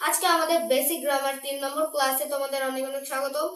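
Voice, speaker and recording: A young woman opening a grammar lesson with a lively welcome, and then answering and repeating after the teacher. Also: sits high, racing. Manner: bright, eager, repeats the teacher's words. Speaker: co-presenter and pupil. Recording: echoey room, voice from far off.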